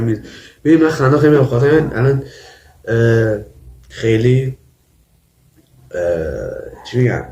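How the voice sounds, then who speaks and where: A man's voice: mid-range voice, a little mellow, echoey room, slight background noise. A young man with a cold, chatting through a try-not-to-laugh reaction video and insisting the clips aren't funny. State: has a cold. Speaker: YouTuber.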